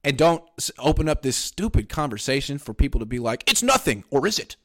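Thirties male co-host, emphatic, wry sports banter with a lively, swinging pitch. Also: a little fast. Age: 30s. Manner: emphatic, wry, quotes people in mock voices. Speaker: podcast co-host. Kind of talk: casual sports talk.

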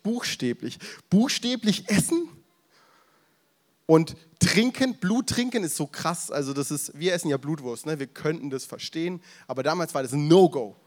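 Lively slangy preacher, man. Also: a little high, brisk, few pauses. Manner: animated storytelling, acts out crowd voices, slangy asides. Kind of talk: casual youth sermon. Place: event room with audience, drinking beer.

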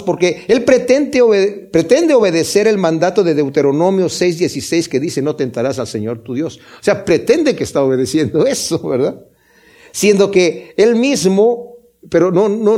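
Warm-voiced male preacher explaining scripture. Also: high-pitched, lively intonation. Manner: explains step by step, pausing to ask the congregation. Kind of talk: sermon teaching on scripture.

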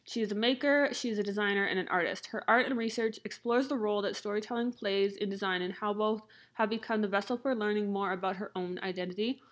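A woman's voice: medium pitch, quick pace, hardly any pauses. Lisping woman podcast host with a sore jaw. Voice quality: slight lisp from a piece of plastic in the mouth. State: sore jaw, recovering from jaw surgery, talking with difficulty. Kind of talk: scripted podcast introduction.

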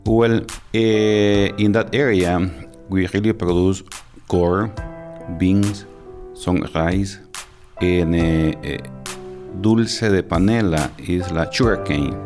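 Deep-voiced Salvadoran man, halting. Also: music in the background. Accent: Salvadoran Spanish. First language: Spanish. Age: 50s. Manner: halting, searching for words, many fillers and restarts. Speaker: interview guest. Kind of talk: personal interview.

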